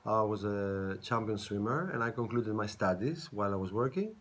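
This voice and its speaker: A man in his forties, from Greece, answering interview questions about his career and giving earnest advice, repeating words for emphasis, recorded in a bright indoor room. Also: on the low side, normal speed. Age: 40s. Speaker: fashion lecturer.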